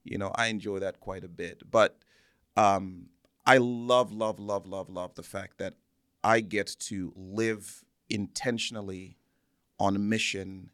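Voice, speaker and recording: Speaking slowly and steadily, this Zambian church minister recounts personal stories as a guest in a conversational interview. His pitch is fairly low and his tone fairly bright, and he earnestly repeats words to stress his points. The studio sound is clean and dry.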